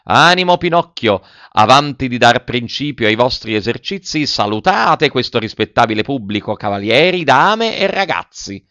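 A man voicing a pompous, blustering male circus ringmaster who proclaims to the audience in grand, high-flown phrases. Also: big pitch swings, moderate pace, few pauses, pushed and bright, dry recording. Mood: commanding. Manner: grandiloquent, booming showman's proclamations.

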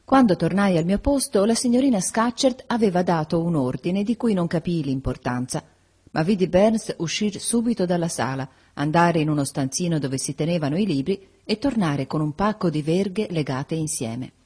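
Low, husky woman reading a novel. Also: animated, normal speed, warm tone. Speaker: audiobook narrator. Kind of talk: audiobook narration of a classic novel.

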